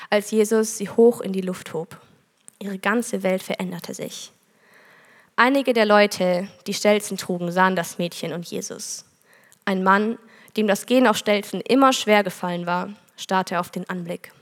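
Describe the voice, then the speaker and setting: A woman's voice: mid-range voice, big-room sound. A woman preaching a sermon, telling a parable earnestly and reading scripture aloud.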